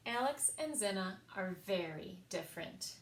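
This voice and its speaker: At a library story time, a woman reads picture books aloud to children in an expressive, sing-song way, stressing certain words. Her voice is medium-pitched and her pace moderate, with slight background noise.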